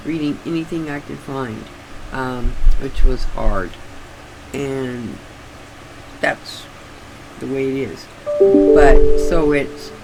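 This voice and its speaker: An older woman chatting casually and haltingly, with slightly restricted articulation, as if her sore jaw won't open wide. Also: low-pitched, background noise. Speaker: craft vlogger. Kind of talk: casual rambling chat.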